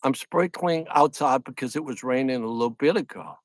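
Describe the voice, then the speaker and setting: A middle-aged man with a Louisiana accent, host of a fishing channel, talks a little fast in a mid-range voice with no echo. He's running a casual livestream outdoors at a lakeside camp, rambling, repeating himself, and greeting each viewer in turn.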